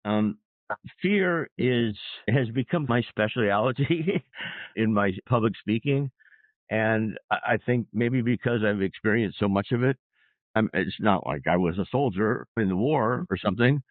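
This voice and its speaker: Man, low voice, interview guest, reflective measured storytelling, tinny phone-line sound, dry. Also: no room sound. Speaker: interview guest, sailor and public speaker.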